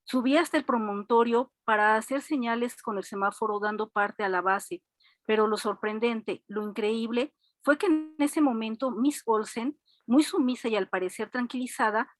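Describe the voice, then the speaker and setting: A woman student reads a story aloud in a fairly high voice. She gives the lines life as she goes. The sound is dry and close. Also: moderate pace, no room sound.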